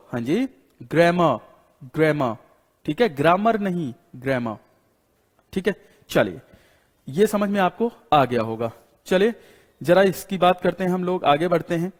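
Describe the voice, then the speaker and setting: A man's voice: sits high, expressive, normal speed. A man with an Indian accent teaching an English lesson, repeating rules and quizzing students as he writes on the board. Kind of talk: classroom lecture in Hindi. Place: classroom with a board. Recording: long hall reverb.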